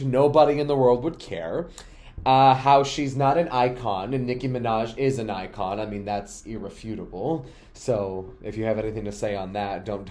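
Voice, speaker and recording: A man hosting a pop culture commentary show, sassy and profane, swinging between loud outbursts and low, muttered asides. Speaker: host.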